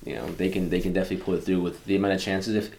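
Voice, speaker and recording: A man's voice: sits low, fairly even intonation, very fast, darkish tone. A man co-hosting a casual podcast chat, rambling along and filling gaps with "you know" and "uh". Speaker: podcast co-host.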